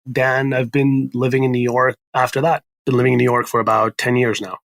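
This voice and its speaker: A man from Spain, a startup founder guest, explaining his product in a brisk conversational podcast interview. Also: mid-range voice, level tone, creaky, fairly bright tone.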